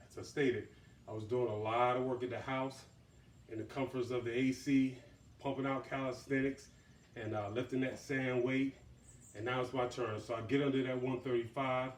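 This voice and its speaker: A man's voice: medium pitch, a little mellow, echoey room, far from the mic. A middle-aged man hosting and telling a story in a gym, a little out of breath. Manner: reflective storytelling. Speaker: host. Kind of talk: casual talk to camera.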